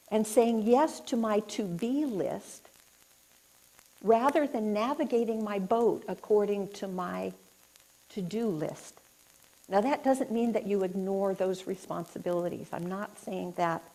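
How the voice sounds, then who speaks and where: A woman's voice: mid-range voice, warm tone, rough recording. A woman speaker and life coach telling a personal story in a reflective talk, earnest and questioning the audience. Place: spiritual center hall, indoors.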